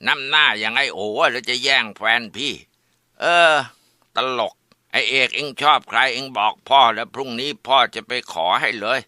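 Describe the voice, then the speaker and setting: Man voicing a coarse old village father, slow, blunt, tense bright voice, dry close sound. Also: lowish voice, no echo. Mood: scornful.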